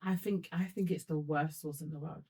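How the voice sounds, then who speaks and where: A woman's voice: low voice, steady tone, moderate pace, darkish tone, husky. A woman co-hosting a podcast in casual chat, blunt and emphatic with her opinions. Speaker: podcast co-host.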